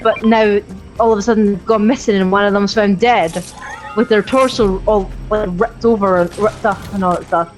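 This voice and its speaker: A woman's voice: medium pitch, fairly even intonation, moderate pace, faint music behind, low-quality recording. A woman chatting casually while playing a game, rambling and hesitant with many restarts. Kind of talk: casual chat.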